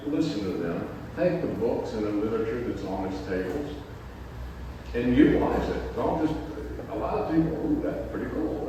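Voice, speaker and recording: A man's voice: on the low side, darkish tone. An older man giving an informal public address in a folksy, plain-spoken way, his voice echoing around a big hall. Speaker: county commissioner, guest speaker. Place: large echoing indoor meeting space. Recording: very echoey hall, distant mic, faint noise.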